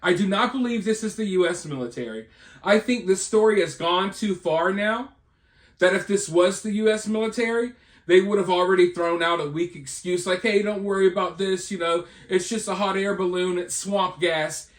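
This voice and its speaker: Speaking at a moderate pace, a high-pitched American man runs an online channel where he offers casual news commentary. His delivery is rhetorical and chatty, full of speculation and frequent check-ins with viewers, captured in a noticeably roomy, echoing space.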